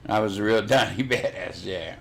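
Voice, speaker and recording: A man's voice: on the low side, moderate pace, vocal fry. An older man chatting casually on his own livestream, blunt and rambling, swearing freely. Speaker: livestream host. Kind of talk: casual chat.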